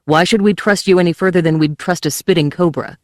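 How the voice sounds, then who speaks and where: A man's voice: high voice, a little fast, darkish tone, dry recording, studio quality. An audiobook reader voicing a grim, exhausted male starship pilot who talks in clipped, bitter bursts. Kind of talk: audiobook character voice.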